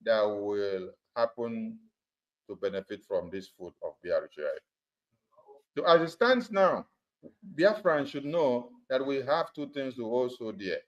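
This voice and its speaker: A man addresses a group over a conference call. His voice has an ordinary middle pitch and comes through a dull, muffled call line. He talks emphatically and drives his points home by repeating them. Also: big pitch swings, measured pace. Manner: emphatic and repetitive, hammering points. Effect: conference call audio. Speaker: activist speaker addressing supporters. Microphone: phone or computer on a group call.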